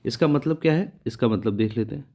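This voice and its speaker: A man's voice: mid-range voice, fairly quick, darkish tone. A man teaching shorthand step by step, patiently checking in with his students and counting out each stroke as he draws it. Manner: patient, repeats "ठीक है" to check understanding. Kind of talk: step-by-step tutorial explanation.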